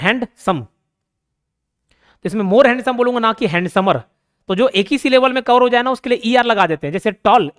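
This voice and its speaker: A young man with a Hindi accent and a high voice teaches a grammar lesson. He explains patiently, repeats the key points, and reads English example sentences slowly.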